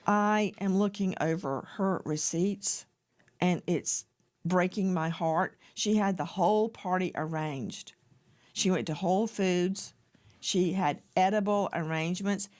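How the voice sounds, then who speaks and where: A woman's voice: on the low side, unhurried, a little mellow. A woman interviewer talking conversationally about a true-crime case, laying out details item by item in short, emphatic sentences.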